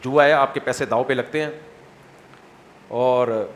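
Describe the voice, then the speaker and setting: A man's voice: medium pitch, fairly even intonation, a little hiss or hum. A male Islamic scholar answering questions in a conversational, blunt way, often asking rhetorical questions and checking that listeners follow. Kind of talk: question-and-answer religious talk.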